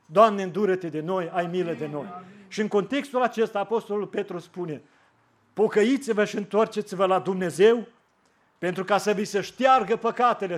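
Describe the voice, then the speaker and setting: High-voiced fervent preacher. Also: male voice. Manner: fervent preaching, slows and rises on scripture quotes. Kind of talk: sermon.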